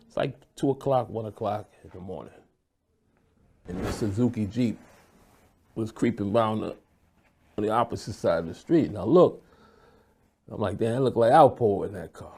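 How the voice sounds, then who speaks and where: A man's voice: on the low side, mellow, husky. A man telling a story in an interview, laid-back, acting out what people said. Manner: laid-back street storytelling, acts out dialogue.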